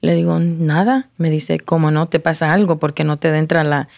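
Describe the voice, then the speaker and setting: A woman shares her testimony in a lowish voice. She talks in an emotional, halting way, restarting words and dropping into English now and then. The sound is dry and close, with no room around it. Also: fairly even intonation, vocal fry, a little mellow, no echo. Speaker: guest sharing testimony. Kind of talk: personal testimony in conversation.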